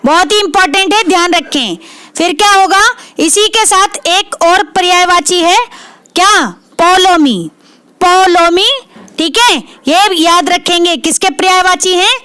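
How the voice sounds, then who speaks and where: A woman's voice: very high-pitched, unhurried, sharp tone, dry recording. A woman teaching Hindi vocabulary for exams, repeating each word and asking and answering her own questions. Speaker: Hindi literature exam tutor. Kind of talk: exam prep lesson.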